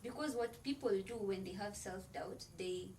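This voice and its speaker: A woman appearing on a podcast talks earnestly about faith and motivation, going point by point like a preacher, her loose phrasing thick with "like." The voice sits at middle pitch with a darkish tone and normal speed. The mic is far from her, and the rough recording carries a faint hiss.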